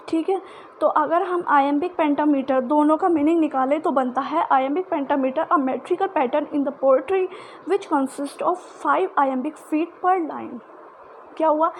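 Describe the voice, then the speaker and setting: A woman's voice: high voice, a little hiss or hum. A woman teaching a lesson, going over key terms again and often checking in with an okay. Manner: slow, halting delivery with fillers and restarts. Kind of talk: explanatory lesson for students.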